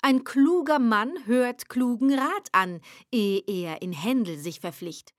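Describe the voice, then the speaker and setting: A woman reciting a long narrative poem in a slow, rhythmic cadence, her voice sitting a little high. The reading is close and dry, with no room echo. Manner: measured, rhythmic verse reading. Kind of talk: poetry recitation.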